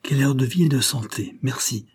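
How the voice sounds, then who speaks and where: A man voicing a pale, feverish young mother, a duchess who speaks with deep emotion. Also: normal speed, a little mellow, slightly rough, dry recording, clean studio sound. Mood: emotional.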